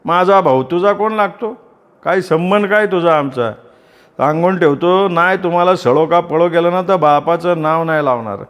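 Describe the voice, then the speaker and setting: A man's voice: fairly high pitch, moderate pace, in a large hall, pitched above the performer's own voice, natural voice. A man voicing a drunken, boastful rural bully who taunts and threatens in coarse village speech. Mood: threatening.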